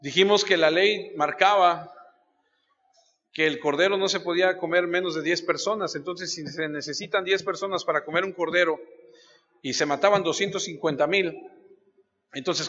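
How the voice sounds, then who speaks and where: Male pastor, sermon; high bright voice, storyteller who quizzes the congregation; dull lo-fi sound in a long-reverb church hall. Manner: storytelling, addresses listeners directly with questions.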